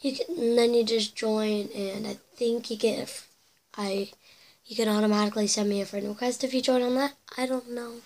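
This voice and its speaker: A teenage YouTuber chats to her webcam in her bedroom, rambling through viewer comments and adding whispered asides. Her voice is a little high, steady, slightly mellow and fairly quick, and a bit cracky because she's losing it.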